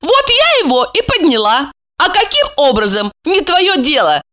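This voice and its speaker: Woman voicing a shrill indignant celebrity. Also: very animated, moderate pace, a bit bright. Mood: proud defiant. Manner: shrill, exclaiming, scornful. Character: indignant, theatrical woman celebrity, quick to tears.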